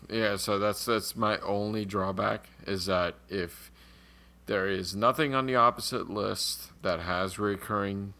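Gravelly-voiced American man rambling on a podcast. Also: lowish voice, steady tone, a little slow, sharp tone. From United States. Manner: rambling, restarts often, swears casually. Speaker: podcast co-host. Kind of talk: casual podcast chat about a tabletop game.

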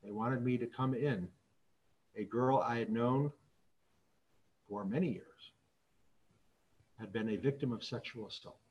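Middle-aged male doctor at a lectern: earnest, measured storyteller, medium voice. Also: medium pitch, dull audio. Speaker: physician and speaker. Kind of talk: public talk with stories.

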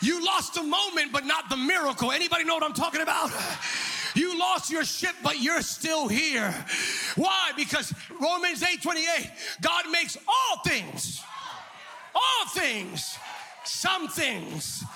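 A male pastor preaching a sermon, shouting in a sing-song call-and-response style. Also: extremely high pitch, big pitch swings, measured pace, creaky.

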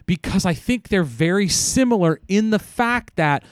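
A man's voice: high-pitched, lively intonation, normal speed, dry recording, studio quality. A man co-hosting a casual podcast, explaining voice science terms and thinking aloud with frequent restarts. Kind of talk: casual technical discussion.

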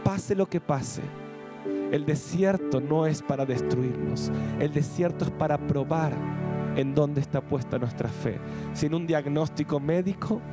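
Argentine preacher, slightly high voice. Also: male voice, loud music behind the voice. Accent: Argentine Spanish. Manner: reads scripture slowly and emphatically, then shifts into quick conversational asides. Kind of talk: sermon.

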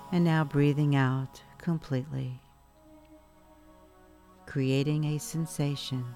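Soft soothing lady doing guided meditation, really slow, hushed spa voice, faint music behind. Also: extremely low pitch, gravelly.

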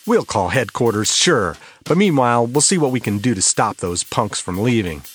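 A man's voice: medium pitch, big pitch swings, normal speed, husky, pitched above the performer's own voice. A man voicing an angry, tough young detective, snapping with rage. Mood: furious. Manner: snapping, raging, contemptuous.

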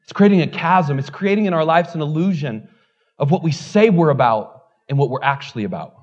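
Pastor guy with a high voice, casual honest sermon, lots of "like", kinda muffled recording. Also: lively intonation, fairly quick, darkish tone. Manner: candid, conversational, self-deprecating, many "like" fillers. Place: church.

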